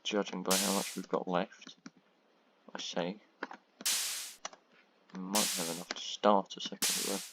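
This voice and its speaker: A man with a monotone voice giving rambling, self-deprecating commentary on his own gameplay, full of ums. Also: low-pitched, unhurried, long pauses. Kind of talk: casual let's-play commentary. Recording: loud background noise and keyboard clicks.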